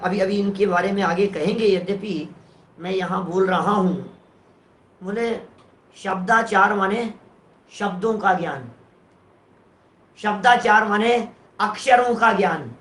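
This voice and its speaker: A Jain preacher, a man, gives a sermon in which he explains a verse phrase by phrase and poses rhetorical questions to his listeners. His voice sits high and sounds pushed and bright, with a roomy acoustic.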